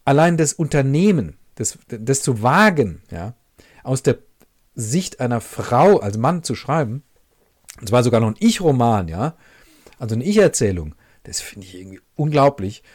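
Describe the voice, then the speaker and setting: A man reading a first-person novel passage aloud in a measured, reflective way. He then comments on it as a book reviewer. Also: mid-range voice, sing-song, darkish tone, no echo, studio quality. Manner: measured, reflective, pauses to savor sentences.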